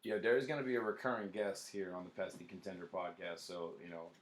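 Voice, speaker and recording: Guy hosting a podcast, lower voice, swears a ton, blunt and lively. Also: fast. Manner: profane, blunt and animated. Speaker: podcast host. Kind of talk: casual podcast chat.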